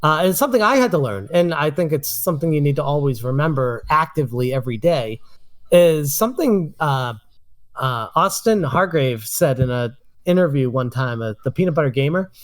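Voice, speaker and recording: A man's voice: fairly high pitch, lively intonation, brisk. A man hosting a podcast, giving casual commentary and emphatically repeating his points. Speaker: podcast host.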